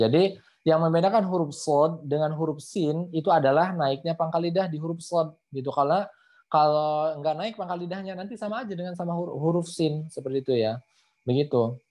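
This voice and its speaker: A man teaching Quran letter pronunciation in an online lesson, patiently repeating each point over a video call. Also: on the high side. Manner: patient, repeats points with many tag phrases.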